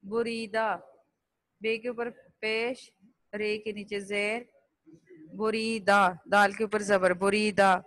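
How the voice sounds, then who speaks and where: A woman teacher works through a lesson, saying each word twice and spelling out its vowel marks at a slow, drilled pace. Her pitch stays level and even throughout. The recording is dry and close, with no room sound. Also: no room sound, low-quality recording. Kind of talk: classroom lesson, reading word lists aloud.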